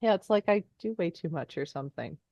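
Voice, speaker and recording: A woman speaks as a podcast guest in a very low voice. She rambles enthusiastically, trailing off into asides. The sound is dry and close, with no room echo. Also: expressive, brisk, a little mellow, dull audio. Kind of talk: casual chat.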